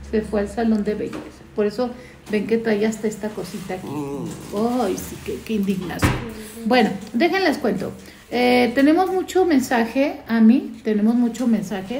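A woman's voice: a little high, creaky. A woman, chatting casually to fans on her phone at home, rambling and talking to her dog between news. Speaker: fan news vlogger. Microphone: phone camera. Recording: echoey room, faint noise.

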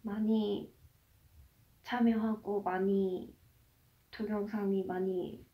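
A woman's voice: mid-range voice, little pitch movement, slow, recorded from a distance, dull audio. A woman politely and formally addressing viewers with a campaign announcement. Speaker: streamer taking part in a charity challenge.

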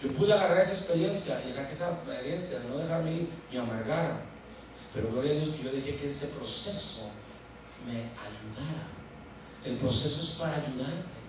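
A male pastor, preaching a sermon, telling a personal story and acting out its dialogue before turning to earnest exhortation. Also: mid-range voice. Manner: acts out dialogue, then slows to earnest exhortation. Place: large church sanctuary. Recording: very echoey hall, distant mic, noisy.

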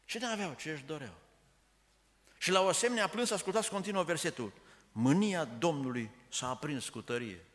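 A man's voice: a little high, expressive, fairly bright tone. Emphatic male preacher in echoey church. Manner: emphatic, rhetorical questions. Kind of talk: sermon. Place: church sanctuary.

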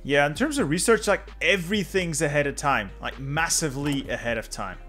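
Playing a strategy game, a young Dutch-speaking man from Flanders mutters dryly to himself and chats offhandedly with viewers. His fairly high, slightly bright voice is animated and fairly quick. Soft music sits behind him.

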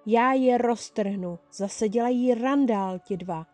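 Storybook reading: a woman reading as a loud, fussing mother witch, warm and effusive, with a dark, mellow tone. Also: on the high side, dry recording, soft background music, natural voice. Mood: angry.

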